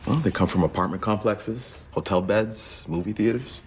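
Man acting as a low-voiced, matter-of-fact exterminator. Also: normal speed, slight background noise, close to an everyday voice. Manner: plain, explanatory. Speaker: pest control worker. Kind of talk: television drama acting.

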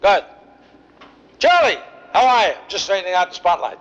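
An actor playing a proud, stubborn stage entertainer with a showmanlike manner in a TV drama. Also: male voice, high voice, sing-song, moderate pace, fairly bright tone. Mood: busy, upbeat. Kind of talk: TV drama acting. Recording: muffled soundtrack, music behind.

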